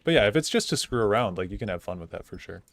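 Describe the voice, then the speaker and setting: Guy streaming games, lowish voice, casual chat, faint music behind. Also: lively intonation, racing, gravelly. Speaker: game streamer. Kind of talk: casual chat while playing a game.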